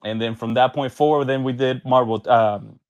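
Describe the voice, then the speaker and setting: Smooth and steady, his mid-range voice moves at normal speed over a lo-fi recording. The speaker, a tournament organizer from Venezuela who later lived in Miami, is a podcast guest swapping casual stories full of slang and acted-out lines.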